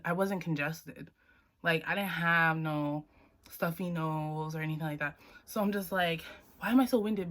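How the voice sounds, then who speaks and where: A young woman with a Boston-area accent, casually telling a personal story on her vlog and leaping up in pitch when she acts out her own lines. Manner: animated, jumps high when acting out her own quotes. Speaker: vlogger.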